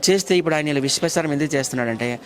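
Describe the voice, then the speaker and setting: A man, talking quickly and insistently about a grievance in an interview. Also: fairly high pitch, soft background music. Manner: aggrieved, rapid and insistent. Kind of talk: casual interview talk.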